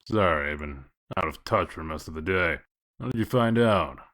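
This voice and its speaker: Man acting deep, gruff, sardonic Bigby Wolf. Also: moderate pace. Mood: brisk, commanding. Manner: sardonic, deadpan, authoritative. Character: gruff, sardonic werewolf lawman, commanding and dry. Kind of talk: dramatic comic-dub voice acting.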